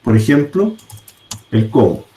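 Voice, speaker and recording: Guy teaching a coding class, slow and mellow, keeps asking "ya?", echoey room. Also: mid-range voice, big pitch swings. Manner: explains step by step, checks in with "¿ya?". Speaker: programming teacher.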